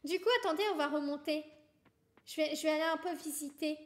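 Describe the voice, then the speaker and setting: A woman's voice: high voice, fairly even intonation, fairly quick. A woman streamer giving casual gameplay commentary, chatty and laughing often as she reads game dialogue aloud.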